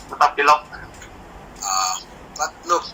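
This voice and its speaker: A man chatting on a video call, soft-spoken and jokey, dropping English phrases into his talk. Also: on the high side, animated, takes it slowly, a little hiss or hum, poor audio. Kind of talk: casual video call chat.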